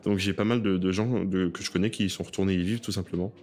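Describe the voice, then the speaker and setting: Low-voiced man rambling casually. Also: fast talker. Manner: rambling, relaxed storytelling. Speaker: podcast co-host. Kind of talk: casual podcast chat.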